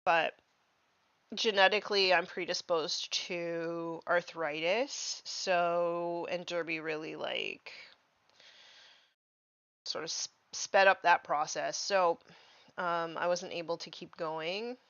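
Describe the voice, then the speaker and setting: A woman in her thirties chatting casually on a live stream while painting miniatures, relaxed and full of fillers. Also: fairly low pitch, slow, smooth, no room sound, highs cut off. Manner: relaxed and chatty, many fillers, baby-talks to her dog.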